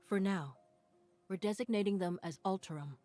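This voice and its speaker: An actress playing a composed female team captain in a story game, giving briefings in a measured, official way. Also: medium pitch, mellow, faint music behind, lightly acted. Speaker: game character.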